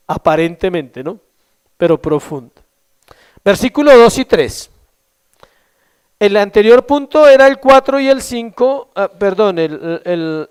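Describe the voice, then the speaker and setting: A male pastor preaching a sermon, asking the congregation questions and answering them himself, stretching key words slowly for emphasis. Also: high voice, darkish tone, smooth.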